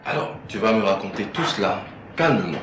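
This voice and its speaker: An actor playing a calm, slow-talking male school educator in a TV drama, over loud keyboard clicking. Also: fairly low pitch. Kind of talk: TV drama acting. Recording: distant, echoey and noisy.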